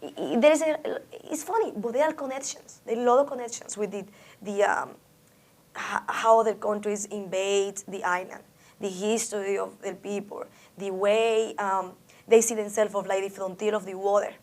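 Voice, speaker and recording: Interviewed for an oral history about her artwork, a woman from the Dominican Republic speaks Spanish-accented in the Dominican style, her voice mid-range and steady at a normal speed. She is thoughtful and often breaks off to begin sentences again.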